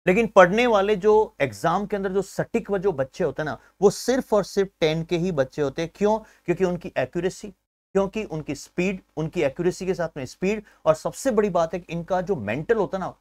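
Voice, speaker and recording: A man teaching an exam-prep science class, energetic, building memory tricks and calling viewers his friends. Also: on the high side, no echo. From India. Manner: energetic, uses memory tricks and asks himself questions; keeps addressing viewers as friends.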